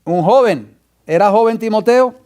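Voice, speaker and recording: A man's voice: high-pitched, animated, moderate pace, darkish tone. A male pastor teaching a Bible class, quizzing his students and dictating scripture references for them to write down. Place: church classroom.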